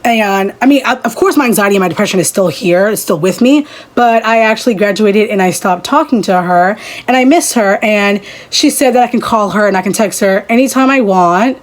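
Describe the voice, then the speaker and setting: A woman's voice: mid-range voice, brisk, few pauses. Chatty young woman doing a makeup tutorial. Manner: chatty, rambling, fond of "literally" and "like". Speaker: beauty vlogger. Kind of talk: casual chat over a makeup tutorial.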